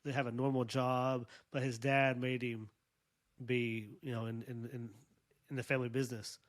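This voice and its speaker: A man's voice: medium pitch, little pitch movement, moderate pace. A man from Oklahoma co-hosting a casual TV review, making blunt, incredulous remarks. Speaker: podcast co-host. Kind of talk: casual TV episode review chat.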